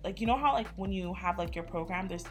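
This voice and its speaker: A woman's voice: lowish voice, fast, over music. A young woman in her twenties from Canada, hosting a casual chat and telling stories with lots of fillers. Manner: animated storytelling with lots of fillers.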